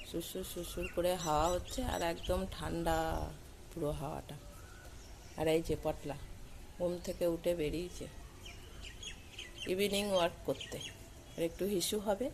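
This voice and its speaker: Hoarse woman vlogger, lowish voice and wide swings in pitch, cooing at her pets over faint background noise. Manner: coos and calls out high and loud to her dogs. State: hoarse with a cold and sore throat. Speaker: vlogger filming her dogs. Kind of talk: casual chatty vlog narration. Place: at home and just outdoors in the evening.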